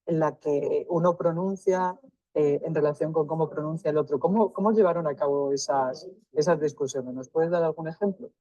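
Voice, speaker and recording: A woman interviewing a student, asking long, carefully rephrased questions in a measured way. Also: sits low, mellow, highs cut off. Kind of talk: research interview.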